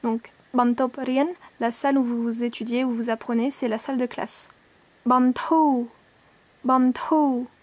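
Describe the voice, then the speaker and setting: A woman's voice: fairly high pitch, flat delivery, normal speed, hardly any pauses, warm tone, no echo. A woman teaching a language lesson, patiently repeating each word and spelling things out, now and then correcting herself.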